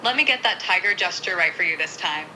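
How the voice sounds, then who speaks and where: A synthetic woman's voice speaking as a friendly desk robot assistant, polite and lightly joking in a smooth, even delivery. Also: lowish voice, brisk, a little hiss or hum, rough recording. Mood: helpful. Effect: synthetic text-to-speech robot assistant voice. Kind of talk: device voice assistant replies.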